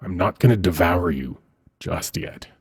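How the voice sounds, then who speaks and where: A man plays a demon prince in an intimate ASMR roleplay, teasing and coaxing in a low, exaggerated voice. Husky, breathy, and often near a whisper, he drawls silkily, seductive with a gentle hint of menace.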